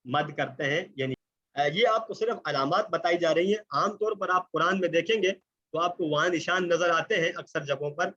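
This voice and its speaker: A man teaching an online recitation lesson, explaining patiently, checking in often and drawing out example words slowly. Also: a little high, sharp tone, lo-fi sound. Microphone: computer mic on a video call.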